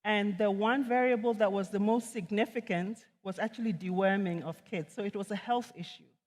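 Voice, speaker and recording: A woman from Ghana, an economist, giving a conference talk in a measured, earnest way with frequent ums. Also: medium pitch, darkish tone. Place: large conference hall. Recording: long hall reverb.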